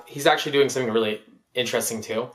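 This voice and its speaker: A man's voice: medium pitch, very fast, a bit bright, a faint crowd. A man giving casual reaction commentary as a dating coach, rambling with many fillers and frequent swearing.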